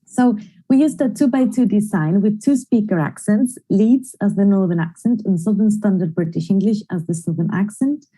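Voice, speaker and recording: A woman's voice: mid-range voice, moderate pace, dark tone, low-quality recording. A woman giving an online academic conference presentation, explaining her research methodically through a computer mic. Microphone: computer mic in an online screen-share presentation.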